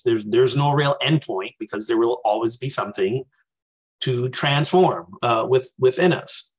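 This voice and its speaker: Speaking through a webcam from a small room, this Barbadian minister in his forties offers a sincere, thoughtful talk on a video call. His voice is mid-range and husky, and the recording sounds rough.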